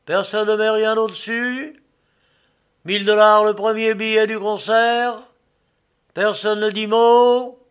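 A booming male auctioneer calling for bids in a storybook reading, put on by a male narrator. His calls ring out high and drawn out, pushing the room to go higher. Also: flat delivery, takes it slowly, clear, resonant tone. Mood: rousing. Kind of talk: audiobook character voice.

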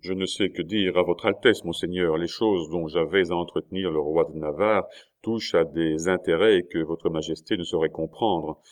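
A man reading the part of a proud young Huguenot captain, blunt and passionate and quick to anger. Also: low-pitched, steady tone, lightly acted. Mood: defiant. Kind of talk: audiobook character reading.

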